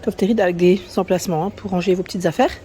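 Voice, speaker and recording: A woman's voice: on the low side, fairly even intonation, fast talker, dark tone, slight background noise. A woman vlogging as she walks through a large furniture store, chatting casually and reading out prices and sizes with lots of tag-on fillers. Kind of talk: casual walkthrough chat.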